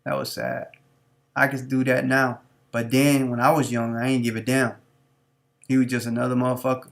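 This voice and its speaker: A man's voice: mid-range voice, level tone, fairly quick. A man hosting a live stream, talking off the cuff in a preachy, repetitive, street-talking way. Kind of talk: unscripted monologue.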